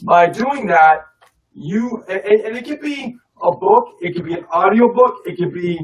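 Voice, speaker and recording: A man's voice: high voice, animated, normal speed, distant mic, poor audio. A man co-hosting a live online business webinar, coaching listeners in a casual, emphatic motivational way and repeating his key points.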